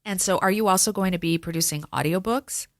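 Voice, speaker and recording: A woman's voice: fairly low pitch, quick pace, no echo, clean studio sound. A woman podcast host, once a lawyer, talking in an encouraging, affirming way with her guest. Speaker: podcast host, former attorney. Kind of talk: casual conversational interview.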